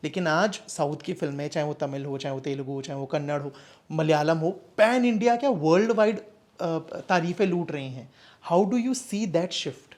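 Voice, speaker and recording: A woman's voice: low voice, normal speed, a little mellow. A woman interviewer who asks long, carefully framed questions and answers with short affirmations.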